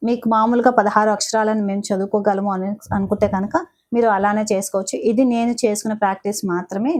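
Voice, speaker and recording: A woman teaching how to pronounce a devotional chant, patiently breaking the names into syllables and repeating them with slow, careful recitation. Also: mid-range voice, darkish tone. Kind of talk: slow pronunciation lesson.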